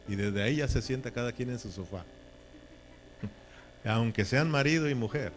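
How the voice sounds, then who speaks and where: A man's voice: medium pitch, unhurried, slight background noise. A man preaching a sermon in a folksy, joking way, often checking in with his listeners. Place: church.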